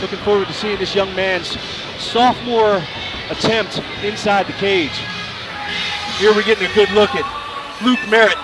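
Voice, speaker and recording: A man's voice: high-pitched, fairly even intonation, moderate pace, long pauses. Guy calling an mma fight, chatty, kinda far from the mic, music behind him. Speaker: play-by-play fight commentator. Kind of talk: live MMA commentary. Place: live fight venue. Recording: distant mic, loud music and crowd. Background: music and crowd.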